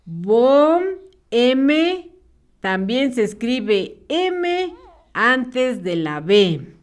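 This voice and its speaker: A woman, teaching young children how to spell. Her voice is a little high and moves up and down a lot. She speaks slowly and clearly, patient and encouraging. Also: sing-song. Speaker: primary school teacher.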